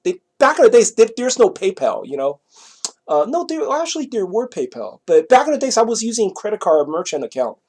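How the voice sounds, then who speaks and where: A middle-aged man from Taiwan speaks in a high-pitched, slightly mellow voice with a Taiwanese accent. He casually tells a personal story, drifting, halting and repeating, and often checks that his listener is keeping up.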